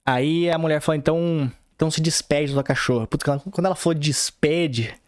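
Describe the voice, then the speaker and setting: Man, Brazilian accent, podcast host, casual storytelling, rambling with fillers, slightly high voice, dry recording. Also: quick pace, dry recording. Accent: Brazilian Portuguese. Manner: rambling, slangy, full of fillers and quoted dialogue.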